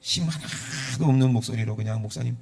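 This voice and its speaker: A man's voice: medium pitch, level tone, a little fast, gravelly, darkish tone. A middle-aged male pastor, preaching conversationally with rhetorical questions. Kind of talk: sermon.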